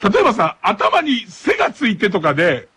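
Animated, laughing late-night radio host. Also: male voice, high voice, moderate pace, husky. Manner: laughing, incredulous ranting.

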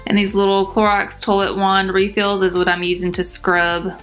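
A woman's voice: medium pitch, moderate pace. Chatty young woman narrating a clean. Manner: chatty, relaxed, with frequent ums. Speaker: cleaning vlogger. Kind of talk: casual voice-over narration. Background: soft pop music.

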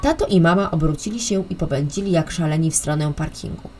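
A woman narrating a children's audiobook in a calm, expressive way. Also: deep voice, quick pace, soft background music. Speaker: storyteller.

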